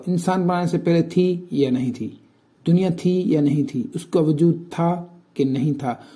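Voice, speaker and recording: Pakistani-accented man, very dark tutoring voice. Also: on the high side. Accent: Pakistani Urdu. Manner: explains slowly, repeating words and spelling them out. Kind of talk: casual spoken lesson.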